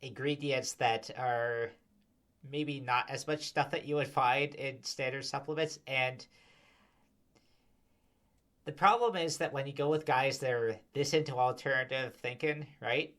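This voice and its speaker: A man's voice: medium pitch, unhurried, fairly bright tone. A man hosting commentary at a microphone, talking casually with sighs, fillers and exasperated asides. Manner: sighing, rambling, filler-heavy. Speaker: commentary host. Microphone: desk microphone.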